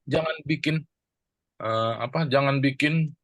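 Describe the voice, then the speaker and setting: Slow, deliberate male Bible teacher. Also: mid-range voice, a bit bright, no room sound. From Indonesia. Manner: explains word by word, asks and answers his own questions; slow and deliberate with many pauses. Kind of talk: teaching a Bible verse, mixing two languages.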